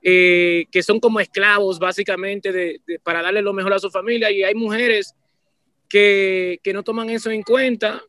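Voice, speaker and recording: Band leader, man; passionate, circling talk; high voice, dry recording. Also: flat delivery, normal speed, sharp tone, dry recording. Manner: earnest, passionate, repeats himself with restarts. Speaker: band leader, interview guest. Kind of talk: casual interview talk.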